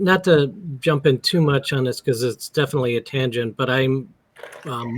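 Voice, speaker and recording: A man's voice: medium pitch, a bit bright, no room sound. A man on a discussion panel who speaks precisely and corrects points of definition.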